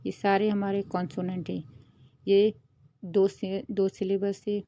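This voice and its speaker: A woman, the host of her own channel, who explains a grammar lesson in a steady, patient way and mixes English terms into her Hindi. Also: medium pitch, measured pace, slight background noise. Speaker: teacher.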